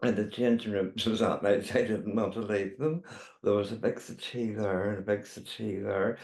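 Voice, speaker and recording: Older northern irish guy, low voice, chatting and rambling through old stories, echoey room. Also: fairly even intonation, moderate pace, gravelly, a little mellow. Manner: rambling, chatty storytelling with repeated tags. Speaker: interview guest, veteran drag queen. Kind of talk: casual reminiscing chat.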